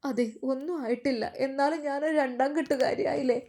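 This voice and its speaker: A woman voicing a despairing young woman who is crying and speaks quietly, without hope. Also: mid-range voice, moderate pace, natural voice. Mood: tearful, hopeless. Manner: quiet, sobbing, hopeless.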